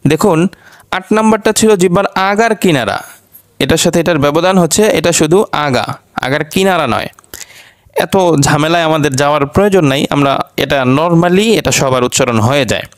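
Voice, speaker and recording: A man gives a recitation lesson. His voice is smooth and resonant and sits a little high. He repeats each letter sound slowly and patiently, over and over. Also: dry recording, studio quality. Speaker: Quran recitation teacher.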